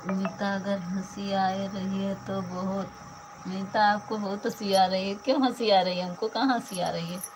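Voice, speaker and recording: A woman in her thirties chats on a phone live stream and thanks her viewers one by one. Her voice sits at an ordinary middle pitch. A steady hiss runs under the whole recording. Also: moderate pace. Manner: chatty, thanks viewers by name, banters about food.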